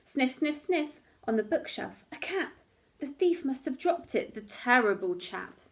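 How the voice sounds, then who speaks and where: In the manner of a teacher reading to young children, a woman with a high voice narrates a picture book. She takes her time, and her delivery is dramatic and expressive, pitched for small listeners.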